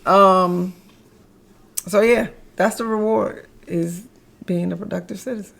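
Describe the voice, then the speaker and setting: A woman's voice: mid-range voice, fairly even intonation, measured pace, gravelly, a bit bright. A middle-aged mother chatting as an interview guest, playful and laughing often, repeating words for emphasis. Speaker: guest, mother and business founder. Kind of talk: casual conversational interview.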